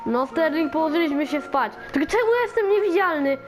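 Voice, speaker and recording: A woman's voice: sits high, lively intonation, a little fast. A woman voicing a baffled father in a fan game role-play, asking what is going on. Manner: baffled, questioning. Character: bewildered father Janusz.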